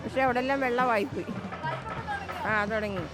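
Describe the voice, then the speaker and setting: A woman's voice: on the high side, moderate pace. A woman with a Kerala Malayali accent giving brief, casual interview answers as a kitchen worker. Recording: loud music and crowd noise.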